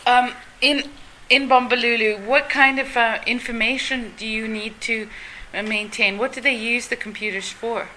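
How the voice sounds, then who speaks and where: A woman's voice: a little high, fairly even intonation, moderate pace, sharp tone, slight background noise, poor audio. A woman hosting a podcast interview, asking curious questions and reacting briefly. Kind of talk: casual interview.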